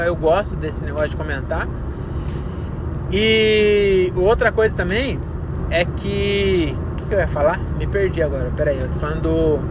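Male, 30s, Brazilian, higher register, loose thinking-aloud monologue for a podcast taped while driving, music audible. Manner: rambling, slangy, thinking aloud. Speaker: comedian and podcast host. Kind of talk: casual solo podcast monologue. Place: inside a car while driving.

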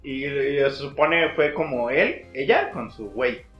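A man's voice: medium pitch, very animated, measured pace. A man with a Mexican accent hosting a podcast, telling news gossip in casual, rambling, slangy talk. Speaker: podcast host. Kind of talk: casual storytelling chat with slang. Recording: muffled, echoey room with music.

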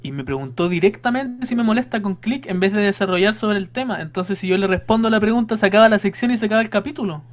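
A man's voice: high voice, fast talker, hardly any pauses. A young man co-hosting a podcast, joking and mock-exasperated in casual chat. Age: young adult. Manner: playful, laughing, mock-exasperated. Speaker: podcast co-host.

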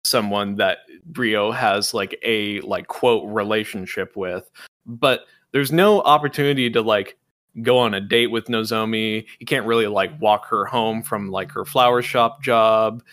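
A man's voice: fairly low pitch, fairly even intonation, unhurried, fairly bright tone, no echo, studio quality. A man co-hosting a casual gaming podcast, rambling with lots of filler words and leading the talk with questions. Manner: rambling, heavy use of "like" and "uh"; leads the discussion with questions. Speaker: podcast co-host. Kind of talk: casual chat.

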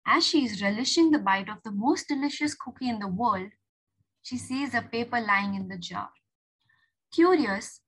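A woman narrating a short story aloud in an expressive, animated manner. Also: medium pitch, slightly rough, rough recording.

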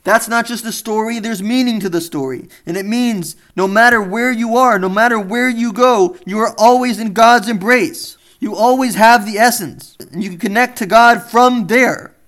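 A man's voice: sits high, moderate pace, few pauses, a bit bright. A man giving a spoken Torah lesson, earnest and telling stories with quoted dialogue. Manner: earnest, storytelling with acted quotes. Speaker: rabbi teacher.

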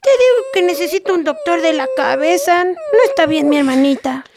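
A woman's voice: extremely high pitch, big pitch swings, moderate pace, full character voice. A woman voicing a mischievous young boy who teases his little sister, with a Mexican accent and an evasive, sassy way of talking. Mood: cheeky.

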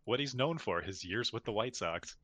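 A man with a lowish voice and a bright, forceful tone jokes his way through a casual podcast chat. He stammers at the start of sentences. The recording is dry and close. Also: expressive, normal speed, no echo.

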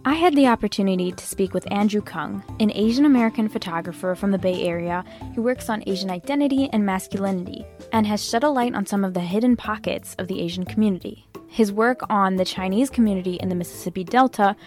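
A woman hosts an explainer episode, reading her script in a measured, earnest way. Faint music plays softly under her voice. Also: medium pitch. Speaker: host. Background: faint background music.

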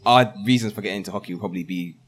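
A young man hosting a podcast, asking questions in a relaxed, loose way with many fillers. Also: low voice, rapid-fire. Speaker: podcast host. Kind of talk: casual podcast interview.

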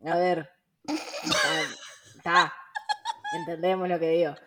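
A woman's voice: fairly low pitch, level tone, slow pace, background noise. A young woman with a Rioplatense Spanish accent, hosting a casual podcast chat, slangy and full of fillers and laughing asides. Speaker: podcast host.

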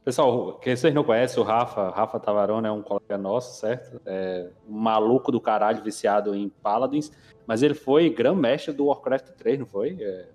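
A man's voice: lowish voice, fairly quick, big-room sound, soft background music. A young man with a Brazilian Portuguese accent chatting casually, telling stories with slang and swearing. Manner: slangy, swearing, animated storytelling. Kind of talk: casual chat.

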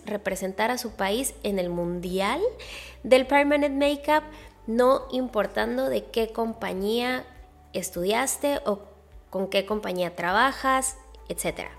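A woman with a nasal, congested-sounding voice, hosting a podcast in a casual, chatty, direct way. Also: fairly high pitch. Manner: chatty, informal, emphatic with rhetorical questions. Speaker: podcast host. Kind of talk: casual solo podcast monologue, addressing listeners directly.

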